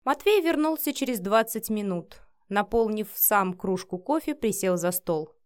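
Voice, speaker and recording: A woman reading a novel chapter aloud in a steady, expressive narrating voice. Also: medium pitch, a little slow, smooth. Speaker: audiobook reader. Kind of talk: scripted story narration.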